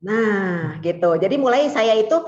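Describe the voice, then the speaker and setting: A woman co-hosting a casual business talk, chatty and animated, often giving brief replies of agreement. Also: mid-range voice, a little slow. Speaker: co-host and presenter. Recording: echoey, dull lo-fi recording.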